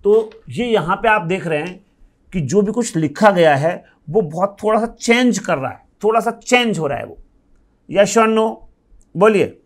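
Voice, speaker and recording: Man, grammar class, keeps repeating words slow, bit high voice. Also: expressive. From India. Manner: explains patiently, repeats words slowly, asks the class yes or no. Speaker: Hindi grammar teacher. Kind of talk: classroom lecture at a board.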